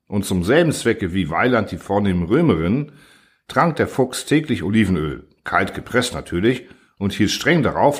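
A man reading a literary tale aloud as a podcast storyteller, with expressive narration. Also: on the low side, slightly rough. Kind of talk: scripted narration.

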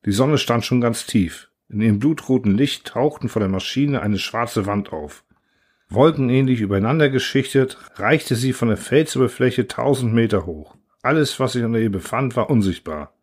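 A man reading a science fiction story aloud in steady scripted narration. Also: mid-range voice, moderate pace. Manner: steady, even audiobook reading.

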